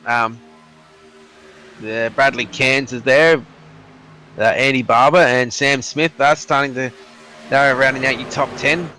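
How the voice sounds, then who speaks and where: A man's voice: mid-range voice, fairly even intonation, measured pace, pauses often, pushed and bright, a little hiss or hum. A man giving live motorsport commentary on a sim race.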